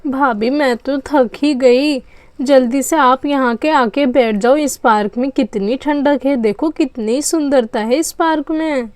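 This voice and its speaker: A woman voicing an excited, gossipy young housewife in a doll story. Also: sits high, unhurried, no room sound. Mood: relieved.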